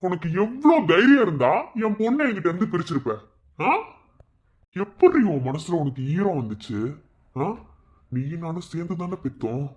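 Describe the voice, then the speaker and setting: A man voicing a bitter, vengeful father in a cartoon, taunting and shouting at his wife. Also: on the high side, lively intonation, normal speed, muffled recording, close to an everyday voice. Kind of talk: fan cartoon voice acting.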